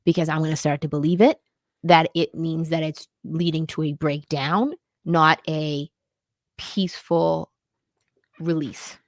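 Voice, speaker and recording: Low-voiced woman co-hosting a candid chat. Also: fairly even intonation, a little slow, no room sound, studio quality. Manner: reflective, earnest, loose phrasing. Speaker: podcast co-host. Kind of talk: candid casual chat about marriage.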